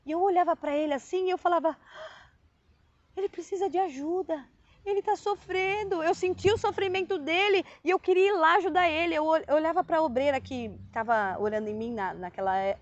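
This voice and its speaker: A woman from Brazil telling her conversion testimony in casual storytelling, emotional and animated, with sudden high exclamations. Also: quick pace, few pauses, dry recording, lo-fi sound. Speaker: vlogger.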